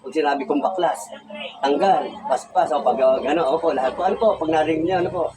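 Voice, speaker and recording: A man's voice: fast, recorded from a distance. A man acting as a folk healer, leading a prayer and barking commands and incantations during a healing ritual outdoors. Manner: barks commands and chants incantations; wildly swinging pitch, sudden shouts. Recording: loud background noise.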